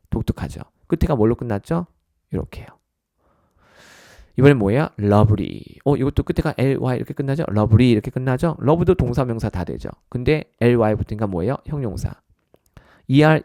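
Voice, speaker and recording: A man's voice: mid-range voice, warm tone, no room sound, studio quality. A man teaching as a test-prep instructor in a recorded lecture, often addressing his listeners as his students and checking in with short tag questions.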